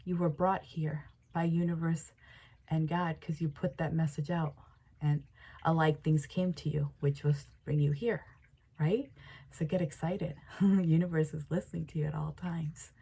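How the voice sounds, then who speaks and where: Low-voiced woman guiding a visualization. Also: steady tone, a little slow, creaky, dark tone, husky. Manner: casual, repetitive, with frequent fillers. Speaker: life coach. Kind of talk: guided visualization.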